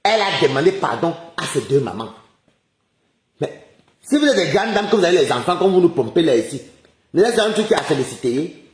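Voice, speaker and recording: Animated man ranting indignantly. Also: fairly high pitch, a little fast, long pauses. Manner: indignant, rhetorical questions, frequent chuckles. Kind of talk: casual live-stream rant. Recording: roomy echoey recording.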